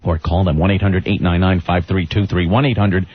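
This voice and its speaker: Sarcastic radio co-host, dull aircheck. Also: male voice, low-pitched, steady tone, fairly quick, breathy edge. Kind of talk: casual radio banter and live read.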